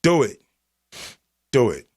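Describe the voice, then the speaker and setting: A man's voice: medium pitch, huge pitch swings, takes it slowly, a little mellow. A man, a stand-up comedian guest, giving laid-back, profane advice in a casual chat.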